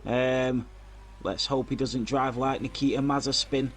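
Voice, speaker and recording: A man's voice: mid-range voice, flat delivery, measured pace, slight background noise. A man giving casual live commentary on an online racing league, reading out lap times and chatting with viewers. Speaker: race commentator.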